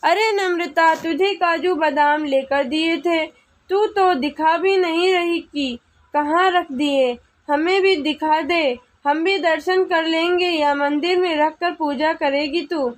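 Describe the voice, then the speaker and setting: A woman voicing a bossy, nagging older mother-in-law in a storybook tale, with a very high, slow voice. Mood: scolding.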